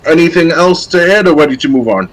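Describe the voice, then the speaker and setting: A man's voice: fairly high pitch, quick pace, low-quality recording. Easygoing male gaming podcast host. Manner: relaxed and nostalgic in chat, steady when reading news. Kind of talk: casual gaming chat and reading gaming news.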